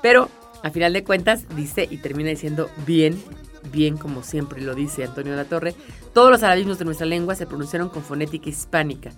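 A woman's voice: sits low, a little fast, soft background music. A woman co-hosting a radio chat about language, explaining patiently and often checking in with a questioning "¿no?". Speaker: radio co-host.

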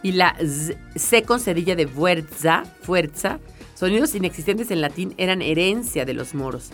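Lower-pitched woman explaining words. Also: lively intonation, moderate pace, soft background music. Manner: explanatory, often ends with a questioning "¿no?". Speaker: radio co-host. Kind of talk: casual radio chat on language.

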